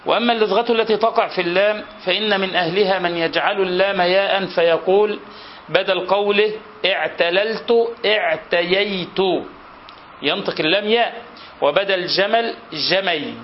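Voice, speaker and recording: A man's voice: high voice, brisk, lo-fi sound, slight background noise. A man with an Egyptian accent, a sheikh teaching a classical literature class, who reads from the text and patiently repeats each example to explain it. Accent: Egyptian Arabic.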